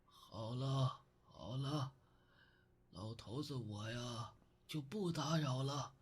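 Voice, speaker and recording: An actor voicing a friendly old male neighbor in a visual novel, speaking in a slow, chatty, kindly way. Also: medium pitch, husky.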